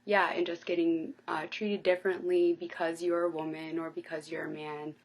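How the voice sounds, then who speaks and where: Low-voiced young woman, hesitant delivery. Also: little pitch movement, normal speed, low-quality recording. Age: 20s. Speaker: college student interviewee. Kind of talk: personal testimony.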